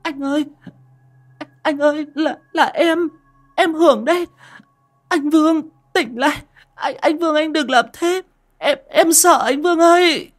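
A man's voice: extremely high pitch, unhurried, fairly bright tone, voice pushed up. A man doing a sobbing terrified young woman. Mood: pleading. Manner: stammering, pleading.

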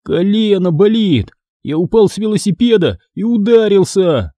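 A man's voice: sits high, lively intonation, moderate pace, warm tone, dry recording, lo-fi sound, voice pushed up. A man voicing a boastful, clumsy young boy who whines and protests, reading from a storybook. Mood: whiny. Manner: whining and protesting.

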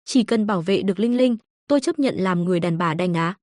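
A woman's voice: mid-range voice, animated, quick pace, darkish tone, dry recording, studio quality, close to an everyday voice. A woman voicing a young mother who was once meek and now speaks firmly and bluntly to defend her daughter. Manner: firm and blunt.

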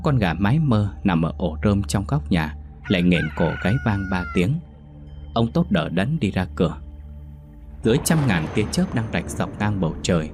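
A man narrating a scripted ghost story in a steady, suspenseful reading voice. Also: low voice.

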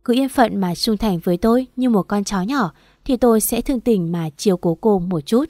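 A woman voicing a spiteful, scheming pregnant young wife who taunts and shouts, in a read-aloud story. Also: mid-range voice, normal speed, no echo, studio quality, close to an everyday voice. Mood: taunting. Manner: sharp-tongued, taunting, shouting.

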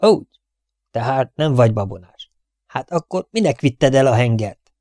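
A man doing a gruff one-armed army captain in a storybook reading, impatient and blunt. He fires his questions hard and loud, in a dry, close recording. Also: mid-range voice, lively intonation, no echo, lightly acted. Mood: gruff, interrogating. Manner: blunt, interrogating.

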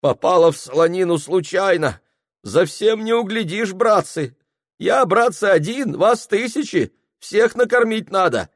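A man's voice: sits high, lively intonation, unhurried, dry recording, clean studio sound, voice pushed up. A man doing a trembling flustered supply manager. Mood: pleading. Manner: trembling, pleading voice.

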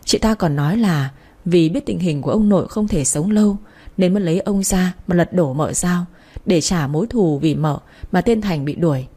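Brief: woman storyteller, warm and mellow, steady dramatic narration. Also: lowish voice, normal speed, breathy edge.

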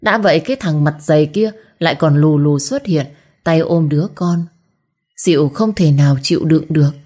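A woman's voice: low voice, normal speed, warm tone. A woman storyteller giving a vivid, dramatic audiobook narration.

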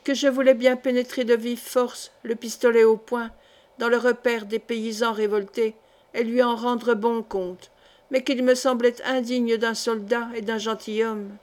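A woman's voice: a little high, flat delivery, a little slow, a little mellow, lightly acted. A woman reading the lines of a proud, earnest young male officer in an audiobook.

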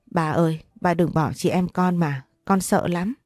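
A woman's voice: on the low side, a little slow, a little mellow, no echo. A woman voicing a frightened thirteen-year-old girl who pleads through sobs. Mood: panicked. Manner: sobbing pleas.

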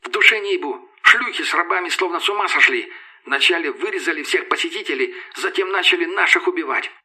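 A man's voice: fairly high pitch, fast, sharp tone, voice pushed up. A man voicing a panicked, foul-mouthed male slaver boss speaking over a radio. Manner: terrified, gasping, foul-mouthed. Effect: radio transmission.

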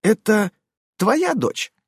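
A man's voice: high-pitched, sing-song, drawn-out words, husky, no room sound, clean studio sound, pitched above the performer's own voice, full character voice. A man voicing a fawning, guilty young female fox werewolf witch who whines and ingratiates herself, in a read-aloud story. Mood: gossipy. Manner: whining, ingratiating.

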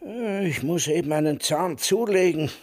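In a radio play, an actor voices a querulous, stubborn old man who rants with an Austrian accent, swinging from mutters to outbursts as he declaims. The voice sits on the high side with a darkish tone, expressive and at a normal speed.

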